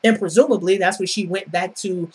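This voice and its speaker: Husky exasperated woman reviewing TV. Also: on the low side, steady tone, a little fast. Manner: exasperated, sarcastic, repeats rhetorical questions. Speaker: TV episode reviewer. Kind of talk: casual opinionated review monologue.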